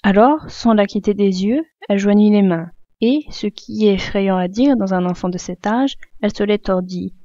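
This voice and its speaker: A woman's voice: medium pitch, normal speed, few pauses, no echo, dull audio. Woman reading a classic novel aloud. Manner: expressive, voicing the characters' shouts. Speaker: reader.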